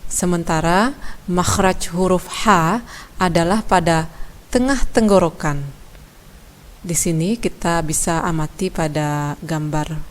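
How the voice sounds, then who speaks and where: Slow, measured woman teaching recitation. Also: on the low side. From Indonesia. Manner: slow, measured, demonstrating sounds. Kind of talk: instructional explanation.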